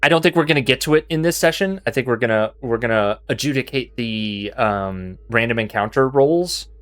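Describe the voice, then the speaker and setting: A man running a tabletop game as game master, talking casually and haltingly as he thinks aloud. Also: mid-range voice, fairly bright tone. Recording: faint music behind.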